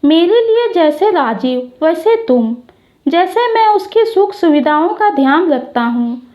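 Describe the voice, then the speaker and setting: A woman voicing a kind, widowed father-in-law who speaks softly and affectionately. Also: extremely high pitch, big pitch swings, measured pace, exaggerated voice. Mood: gentle, reassuring. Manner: soft, affectionate, reassuring.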